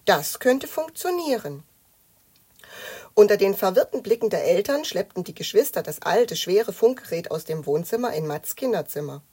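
Audiobook narrator, female, breathy, calm and soft. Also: medium pitch, brisk, hardly any pauses. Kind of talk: scripted narration of a children's story.

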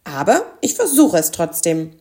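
A woman's voice: on the low side, huge pitch swings, normal speed, dark tone. A woman voicing a small, timid male creature in a children's storybook, speaking shyly and hesitantly. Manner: shy, hesitant. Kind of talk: storybook character voice.

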